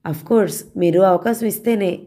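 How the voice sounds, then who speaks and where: A woman's voice: mid-range voice, a little slow, mellow, lightly acted. Woman doing a self-pitying flirtatious married man.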